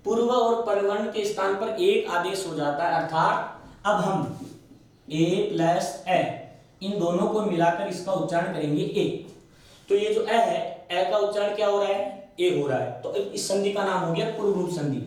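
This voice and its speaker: High-voiced teacher in an echoey room. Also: male voice. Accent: Rajasthani Hindi. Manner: asks and answers his own questions, slows on key sounds. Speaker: Sanskrit teacher. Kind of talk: classroom grammar lecture. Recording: very echoey room, mic far off.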